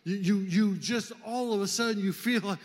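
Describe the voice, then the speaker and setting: A male pastor preaching a fervent sermon in a church, urging the congregation to clap and shout. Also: sits high, moderate pace, long reverb tail. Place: church sanctuary.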